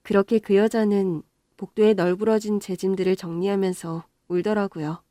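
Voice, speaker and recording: A woman narrating a first-person life story in a plain, gentle manner. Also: mid-range voice, flat delivery, normal speed, no echo, clean studio sound.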